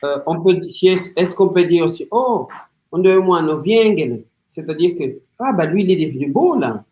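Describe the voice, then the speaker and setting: A man answering a teacher's question as a student, with a voice a little on the high side. He hesitates and restarts his phrases as he works out the answer. He sounds distant, in a roomy, echoey space. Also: lively intonation, moderate pace, mellow. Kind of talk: answering in class.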